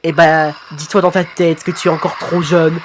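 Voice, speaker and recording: A woman voicing a stern, bossy alien father, speaking in a slow put-on robotic voice. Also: low-pitched, little pitch movement, slight background noise, natural voice.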